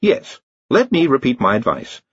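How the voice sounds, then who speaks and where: A man's voice: mid-range voice, huge pitch swings, breathy edge, no room sound, dull audio, pitched above the performer's own voice. A man voicing a polite, formal talking crystal ball. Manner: formal, measured.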